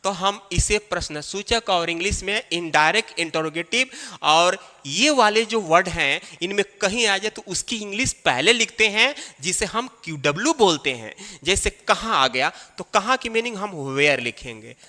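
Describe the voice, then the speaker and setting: Male teacher, animated and bright, walking through grammar step by step. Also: high-pitched. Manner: explains step by step, repeating key phrases slowly. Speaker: English teacher. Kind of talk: classroom grammar lesson. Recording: long hall reverb.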